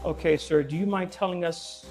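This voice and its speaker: A man's voice: on the high side, normal speed, darkish tone, faint music behind. A man presiding as a judge, questioning people in a formal, firm manner. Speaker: TV court judge. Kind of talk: courtroom questioning.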